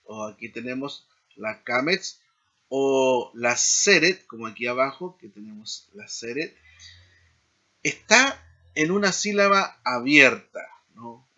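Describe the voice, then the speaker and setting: Slow, deliberate male seminary lecturer. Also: medium pitch, lively intonation, bright, forceful tone, muffled recording. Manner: frequent tag questions, deliberate pacing. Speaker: seminary teacher.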